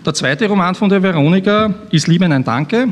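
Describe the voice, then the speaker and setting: A man's voice: high voice, expressive, normal speed, dull audio, noisy background. Rambling Austrian man in a reverberant hall. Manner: rambling, self-mocking, many restarts. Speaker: author introducing a reading. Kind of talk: humorous live introduction. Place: reading event in a hall.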